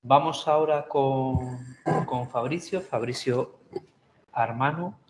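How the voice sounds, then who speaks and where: A man with a Spain Spanish accent chairs an academic session. His voice sits at a middle pitch, and he talks informally, improvising as he moderates. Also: slow pace, slight background noise, low-quality recording.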